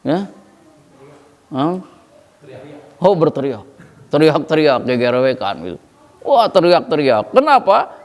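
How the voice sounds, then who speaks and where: A man preaching an evening religious study sermon, lively and jokey, chanting Arabic verses slowly. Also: on the high side, in a large hall. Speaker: Islamic preacher.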